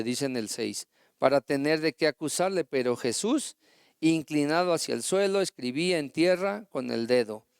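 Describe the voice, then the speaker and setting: A man preaching a sermon, his voice a little higher than most and smooth and resonant. He retells stories with acted-out quotes and puts rhetorical questions to his listeners. The sound is close and dry, with little room echo.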